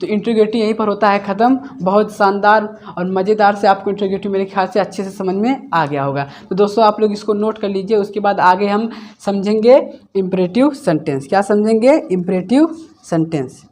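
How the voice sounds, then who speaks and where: A man's voice: sits high, a little mellow. A man teaching a grammar lesson, who keeps asking himself questions, answers them, and repeats the key words. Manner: slows to dictate example words one at a time. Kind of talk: classroom-style grammar lesson.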